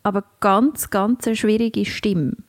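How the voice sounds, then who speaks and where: A woman's voice: mid-range voice, fairly even intonation, takes it slowly. A woman with a Swiss German accent co-hosting a podcast, chatting casually in a frank, teasing way. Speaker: podcast co-host. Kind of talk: casual chat.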